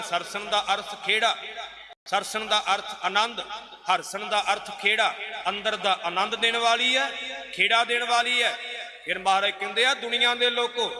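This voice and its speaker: High-voiced Punjabi preacher in a reverberant hall. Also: male voice. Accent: Punjabi (Majha). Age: young adult. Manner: emphatic, chants quoted verses slowly then explains them. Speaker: Sikh preacher (kathavachak). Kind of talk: religious discourse with chanted scripture.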